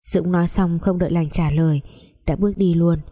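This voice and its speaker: A woman narrating a melodramatic family story, reading every character in a mostly even voice. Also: on the low side, brisk.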